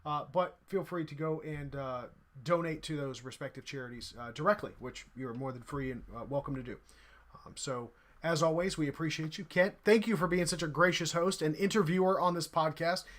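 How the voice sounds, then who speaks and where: A man hosting a podcast in casual chat, rambling and filling pauses with ums and uhs. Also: a little high, a bit bright. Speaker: podcast host.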